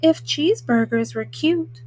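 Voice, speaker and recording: A woman voicing a folksy, self-justifying male wolf in a storybook, haltingly, with frequent uhs. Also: high-pitched, darkish tone. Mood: self-justifying, matter-of-fact. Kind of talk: storybook read-aloud in first person.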